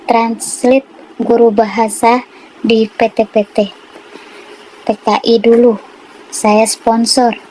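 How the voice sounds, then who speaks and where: Woman, earnest testimony, halting short phrases, slightly high voice, unhurried delivery. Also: dark tone, slight background noise, low-quality recording. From Jakarta, Indonesia. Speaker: testimony giver. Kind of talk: personal faith testimony.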